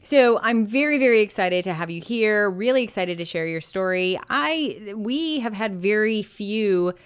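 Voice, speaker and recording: A woman's voice: medium pitch, lively intonation, measured pace, smooth. A North American woman hosting a podcast in an informal, effusive and emphatic conversational way. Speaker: podcast host.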